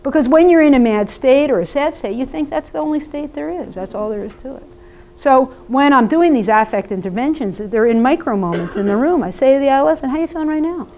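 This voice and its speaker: A woman therapist giving a lively, conversational workshop talk to an audience and asking them questions. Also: high-pitched, a little fast, slight background noise. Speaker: therapist presenter. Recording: muffled lo-fi recording.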